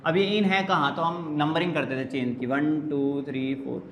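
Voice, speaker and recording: A man's voice: a little high, steady tone, moderate pace. A male chemistry teacher giving a classroom lecture step by step. He asks questions and answers them himself, counting carbons aloud. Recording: echoey room with faint background hiss.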